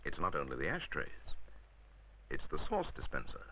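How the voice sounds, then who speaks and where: A deep-voiced British man narrates a vintage 1960s instructional film with very animated intonation at normal speed. Wry and emphatic, he poses rhetorical points to the listener in a crisp scripted style with a bright, forceful edge. The recording quality is low.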